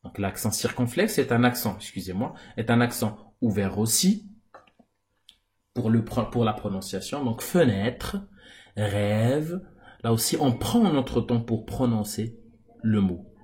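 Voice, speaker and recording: A male teacher giving a recorded grammar lesson, speaking deliberately and repeating key words for the viewer. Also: mid-range voice, animated, a little mellow.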